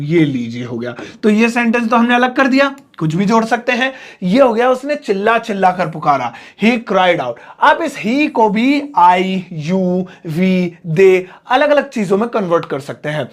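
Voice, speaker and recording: A man with a Hindi accent, pitched high, teaching a spoken English class. He explains each phrase step by step and stretches the English words out slowly so learners can follow. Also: fairly bright tone.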